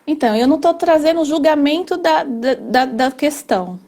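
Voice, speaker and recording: Woman, family constellation therapist, earnest explainer, lots of hesitation, higher mellow voice. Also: lively intonation, normal speed. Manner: earnest, tag questions, frequent hesitations. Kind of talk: explanatory conversation.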